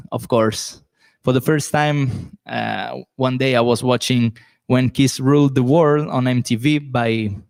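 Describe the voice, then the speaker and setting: Speaking in a mid-range voice with no echo, a musician and podcast host from Rome, in his late twenties, hosts a live solo Q&A. His Italian accent comes through as he chats away, groping for words and using lots of fillers.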